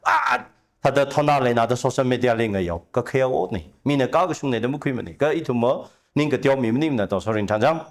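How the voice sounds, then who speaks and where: A man speaking at length as a talk show guest, giving long animated explanations with rising emphasis. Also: mid-range voice, very fast. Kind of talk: conversational discussion.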